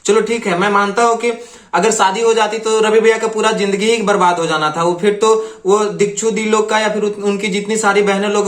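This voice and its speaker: A man's voice: high-pitched, a bit bright, roomy sound. A man hosting a reaction video, commenting on clips in an earnest, repetitive, lecturing way.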